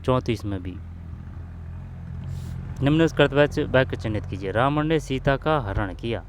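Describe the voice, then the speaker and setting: A man talking through old exam questions in a relaxed, informal lesson. He mutters and repeats phrases while he works each one out, and keeps checking in with the viewer. His voice sits at an ordinary middle pitch. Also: moderate pace, slight background noise. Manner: thinks aloud, repeats phrases, mutters to himself; addresses viewers as bhai, asks if they understood. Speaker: exam coach. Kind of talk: casual Hindi grammar lesson solving old exam questions.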